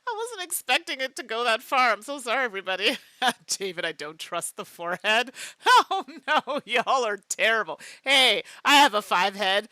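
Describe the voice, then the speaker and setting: A woman streaming a mystery game live, chatting with her viewers and laughing often in an animated way. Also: fairly high pitch, normal speed, dry recording. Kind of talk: live game playthrough chat.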